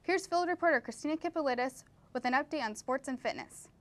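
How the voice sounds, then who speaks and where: In a college's comedic promo newscast, a woman plays the anchor, presenting reports from a script in news style. She speaks fast in a high, slightly bright voice, and the recording is dry.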